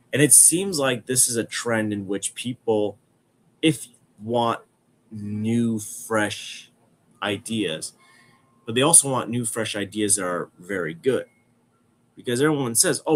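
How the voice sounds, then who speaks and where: A man's voice: lowish voice, measured pace, slight background noise. A man in his twenties with a cold and a stuffy, congested nose, giving a casual movie review and repeating phrases for emphasis. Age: 20s. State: has a cold. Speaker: film review podcast host.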